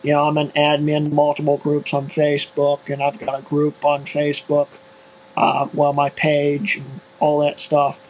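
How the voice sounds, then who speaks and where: A man's voice: on the high side, monotone, moderate pace, rough recording. A man co-hosting a casual podcast over a video call, offhand and a little self-deprecating. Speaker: podcast co-host. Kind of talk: casual chat.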